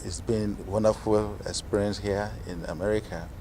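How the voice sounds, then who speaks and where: A man from Nigeria speaking as a guest on a TV interview, measured and with frequent fillers. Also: lowish voice, fairly even intonation, dark tone, slight background noise. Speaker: guest, organization president.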